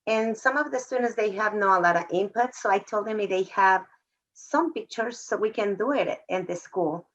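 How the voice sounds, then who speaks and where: A fourth grade teacher from Mexico speaks on a video call in a medium-pitched voice. Her manner is warm and emotional, with halting phrasing, and the audio is dull and lo-fi.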